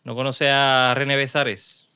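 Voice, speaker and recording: A podcast host from Puerto Rico, speaking with a Puerto Rican Spanish accent, leads a relaxed interview chat in a small studio. His medium-pitched voice has a flat, unhurried delivery that sounds pushed, bright, and smooth, without echo. He's talkative, quick to laugh, and prone to trailing into asides.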